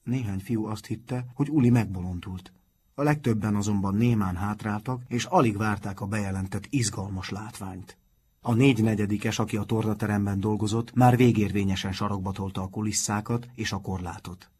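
Low husky male storyteller. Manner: calm, measured storytelling. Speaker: narrator. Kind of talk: audiobook narration.

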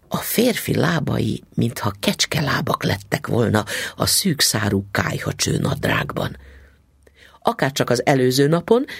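Expressive male audiobook narrator, lively, animated delivery with a gravelly, husky tone. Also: mid-range voice, no room sound, studio quality. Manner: expressive, dramatic reading.

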